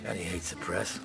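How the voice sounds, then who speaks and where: Shrewd detective inspector, radio play, creaky voice, hesitant wry chat, music behind. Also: male voice, deep voice, heavily acted. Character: shrewd French police inspector, playfully feigning idleness on holiday. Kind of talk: radio drama acting.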